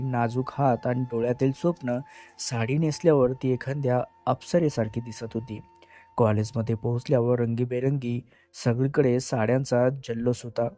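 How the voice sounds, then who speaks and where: Mellow-voiced male audio story narrator. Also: mid-range voice. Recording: narration over faint background music.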